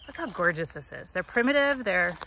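A woman's voice: fairly low pitch, big pitch swings, brisk, bright, forceful tone, a little hiss or hum. A woman in her forties chatting and laughing while vlogging a hike outdoors, camera at arm's length. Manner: giggly, chatty, teasing. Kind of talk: casual hiking vlog chat. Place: outdoors on a forest trail. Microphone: camera held at arm's length.

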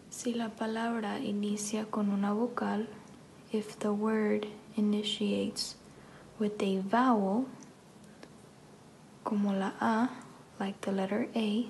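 A woman teaching an English grammar lesson, saying each sentence first in Spanish and then in English, in a soft-spoken, careful way. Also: mid-range voice, gravelly, a little hiss or hum, poor audio.

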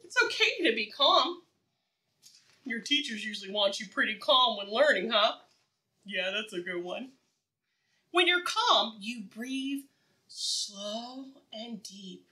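A preschool teacher with a fairly high voice reads to her class while the mic sits at a distance. She's animated and encouraging, keeping her language simple, echoing phrases, and stopping to let children answer her questions.

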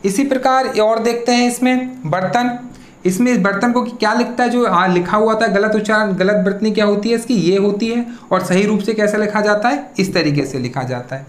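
A teacher runs an exam-prep spelling lesson at a middle pitch. The teacher poses questions and answers each one, breaking words into syllables. The voice rings in a roomy, echoing space. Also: normal speed. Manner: rhetorical questions, then the answer. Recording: echoey room.

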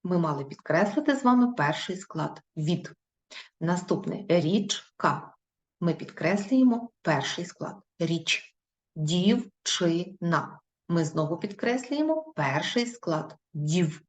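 A woman teacher giving a recorded video lesson to young children, praising them and reading words out slowly and clearly. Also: on the low side, animated. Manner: slow, clearly spoken dictation of syllables; encouraging, praising pupils.

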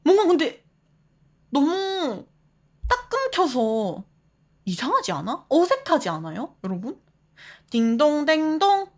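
A woman streamer chatting away with her viewers in a high, bright voice. Her pitch swings up and down constantly as she reacts to the chat with laughter and surprise. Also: takes it slowly, long pauses. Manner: animated, laughs often, reads chat aloud.

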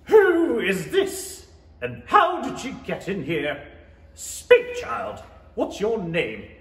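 A haughty, short-tempered queen acted by a man, high-pitched and swinging wildly in tone. The words are drawn out with royal command, echoing in a hall. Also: huge pitch swings, slow pace, a bit bright, heavily acted. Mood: imperious fury. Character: imperious, bad-tempered Queen of Hearts, grown woman. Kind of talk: 1930s-style stage radio play acting. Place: small theatre stage. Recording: echoey hall recording.

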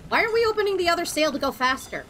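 A woman's voice: very high-pitched, sing-song, very fast, a bit bright, slight background noise. A woman giving casual, chatty gameplay commentary in a playful, exclaiming way. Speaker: game streamer. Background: game music.

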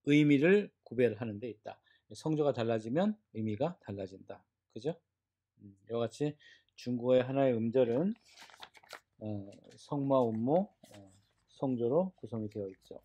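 A man's voice: mid-range voice, expressive, moderate pace, warm tone, muffled recording. A man teaching a beginner Chinese class, explaining tones and drilling syllables aloud for students to repeat. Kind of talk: classroom lecture.

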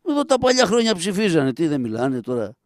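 A man voicing a cheeky, quick-witted male trickster in a traditional shadow-puppet play, wisecracking and sly. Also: on the high side, big pitch swings, no room sound, studio quality. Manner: wisecracking, sly, mock-complaining.

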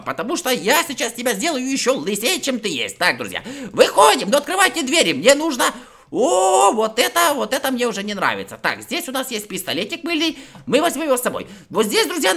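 Excitable male Let's Play host, high bright voice, giggly, playful catchphrases. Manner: excitable, giggly, addresses viewers as friends; repeats a nonsense catchphrase. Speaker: gaming video host.

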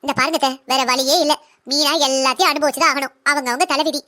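A woman voicing a young, blunt and defiant daughter-in-law in a cartoon drama, speaking in a fast, lecturing way. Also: sits high, fairly even intonation, pushed and bright.

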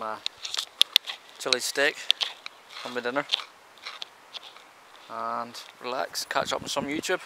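A man in his thirties with a Northern Irish accent talks easily to a handheld camera out in the countryside, his voice gravelly with fry. Wind and outdoor noise sit clearly under the recording. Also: mid-range voice. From Northern Ireland. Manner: easygoing, chatty, relaxed. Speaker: camping vlogger. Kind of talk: casual vlog talk to camera. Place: outdoors in a rural campsite and in a car. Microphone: handheld camera at arm's length.

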